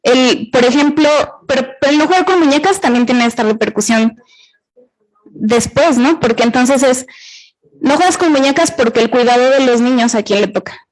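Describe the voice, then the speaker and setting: A woman's voice: high voice, normal speed, poor audio. A middle-aged woman with a Mexican accent giving an interactive talk to students, explaining step by step and putting questions to the audience. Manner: explanatory, asks the audience questions and repeats their answers. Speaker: university gender violence workshop speaker.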